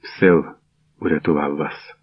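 A man's voice: extremely low pitch, fairly even intonation, a little slow, slightly rough, full character voice. A man playing a reserved village doctor who speaks in a restrained, soothing way, in a dull, dry recording. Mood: calm. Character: calm, reserved middle-aged male village doctor.

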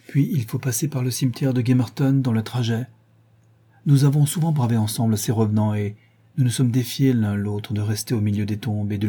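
A man's voice: medium pitch, mellow, breathy edge, close to an everyday voice. A man reading aloud as a feverish, delirious young woman, speaking in an impassioned, pleading way. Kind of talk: audiobook character reading.

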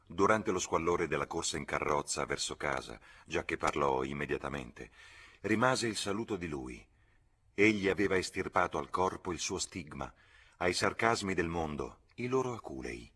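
A man reading a novel aloud, measured and expressive. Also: very deep voice, slightly rough. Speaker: audiobook reader. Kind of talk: literary reading.

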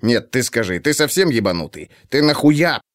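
A man's voice: medium pitch, very animated, moderate pace, no echo, clean studio sound, natural voice. A man voicing an angry, profane middle-aged police chief who hisses and swears at a subordinate in an audiobook. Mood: angry hissing. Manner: hissing, swearing.

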